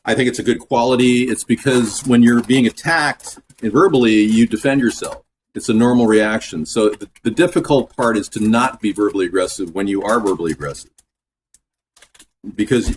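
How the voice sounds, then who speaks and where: Low-voiced man rambling while cooking. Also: a little hiss or hum. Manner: rambling, drifts off topic mid-recipe; relaxed, filler-heavy talk. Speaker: home cooking host. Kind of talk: casual cooking vlog chat. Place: home kitchen.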